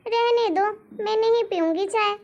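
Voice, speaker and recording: Cartoon mother-in-law, older and whiny, always blaming, very high gravelly voice, a woman voices her. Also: normal speed, a little mellow, highs cut off. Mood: complaining. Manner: nagging, complaining, blames others. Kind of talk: animated cartoon voice acting.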